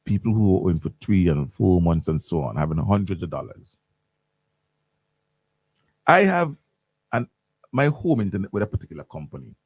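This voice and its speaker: A man's voice: deep voice, big pitch swings, normal speed, pauses often, a little mellow, slightly rough, dry recording. A man hosting morning radio talk, ranting animatedly with lots of repeats and restarts in a studio. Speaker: radio host.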